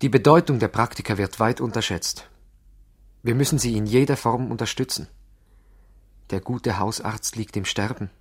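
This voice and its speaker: In a 1970s radio play, a male actor with a Swiss German accent plays an earnest, idealistic young doctor. His mid-range voice is husky and natural, and he speaks in a measured, formal way, sounding earnest and grave.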